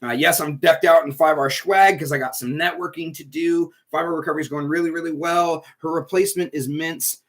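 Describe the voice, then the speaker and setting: Speaking fairly quickly with hardly any pauses, a man with a stuffy nose hosts a livestream talk at home as head of a recovery group. His fairly high voice has fairly even intonation, and he comes across chatty, rambling, and upbeat.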